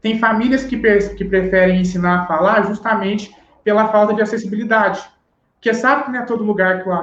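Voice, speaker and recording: A man's voice: high voice, a bit bright. Man patiently explaining in a roomy room. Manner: patient, explaining step by step, often asks "entendeu?". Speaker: sign language teacher guest. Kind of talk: explanatory interview answers. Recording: roomy, dull live-stream audio.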